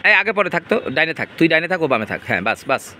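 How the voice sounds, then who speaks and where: Lively, quick dad coaxing kids. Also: male voice, a little high, slight background noise. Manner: coaxing, playful prompting of children. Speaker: father filming his children. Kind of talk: casual home video.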